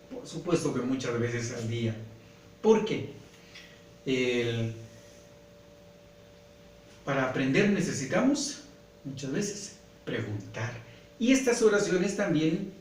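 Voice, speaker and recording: A man with a Guatemalan Spanish accent teaching a grammar lesson slowly and patiently, often checking in with "¿verdad?". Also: fairly high pitch, darkish tone. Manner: patient, repeats points, often asks "¿verdad?". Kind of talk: slow classroom grammar lesson. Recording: echoey room, voice from far off, faint noise.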